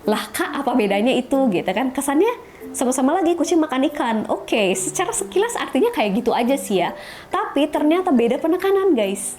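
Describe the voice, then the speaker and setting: In a casual video lesson, a woman with a voice on the high side teaches Japanese, chatting freely and often posing rhetorical questions to her viewers.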